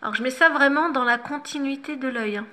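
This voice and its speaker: A woman's voice: high-pitched, a little fast, bright, forceful tone. A middle-aged woman talking viewers through a makeup tutorial, chatty and instructive, with self-mocking asides. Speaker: makeup vlogger.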